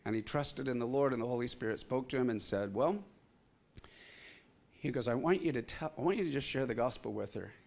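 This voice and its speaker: A man preaching a sermon, telling a story with animated, acted-out quotes. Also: mid-range voice, fairly quick, creaky. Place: church.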